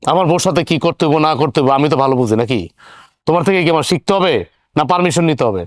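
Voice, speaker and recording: A man's voice: a little high, lively intonation, rapid-fire, no room sound, natural voice. An actor playing an argumentative young man who questions his family indignantly, speaking. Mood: arguing. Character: earning younger son, hot-headed and argumentative. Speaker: younger brother-in-law. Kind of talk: TV drama acting.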